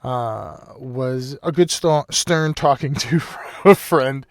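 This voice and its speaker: Man, podcast host, casual monologue, rambling, filler-heavy, mid pitch, dry close mic. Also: slow pace, no room sound. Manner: rambling and loose, heavy on "you know" and "like", laughs often.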